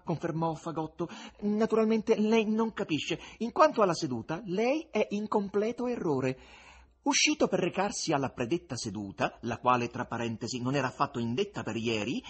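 A man voicing an insolent, mocking male stage conjurer, theatrical and wheedling, on a husky voice. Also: high-pitched, pitched above the performer's own voice.

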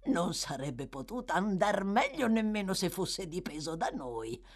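A woman's voice: lowish voice, very animated, a little slow, exaggerated voice. A woman voicing a cunning old male villain, sly and wheedling, sometimes snarling.

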